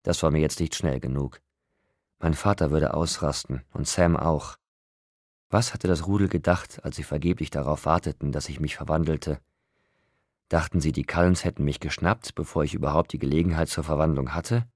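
A male audiobook narrator with a very deep voice tells a first-person story in a steady, restrained way. The sound is dry and close, with no room echo. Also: moderate pace.

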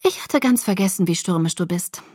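A woman's voice: on the low side, animated, brisk, a little mellow, no room sound, studio quality. A woman voicing a stern, skeptical young woman who questions pointedly.

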